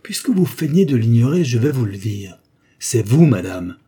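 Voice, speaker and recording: A man's voice: medium pitch, normal speed, dark tone, husky, pitched above the performer's own voice. A man reading the part of a proud, scornful young former governess, with a cold, ironic, cutting delivery. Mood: furious. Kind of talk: audiobook dialogue reading.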